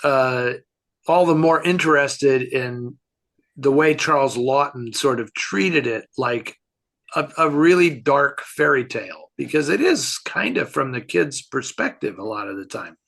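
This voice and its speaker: A man talks casually as a film expert fielding questions, halting and thinking aloud while giving his opinions. His medium-pitched voice is animated and gravelly, with a slightly bright edge.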